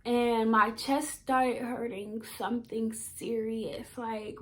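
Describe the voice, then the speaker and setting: Higher-voiced young woman telling a heartfelt story. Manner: casual, heartfelt, emotional retelling. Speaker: vlogger. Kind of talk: personal storytelling to camera.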